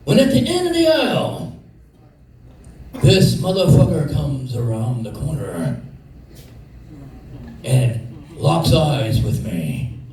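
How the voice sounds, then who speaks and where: Male comic storyteller, swearing and exasperated, lively and slightly high voice, distant and heavily echoed. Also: takes it slowly, pauses often, slight background noise. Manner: profane, exasperated rant. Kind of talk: comedic storytelling. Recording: very echoey room, mic far off.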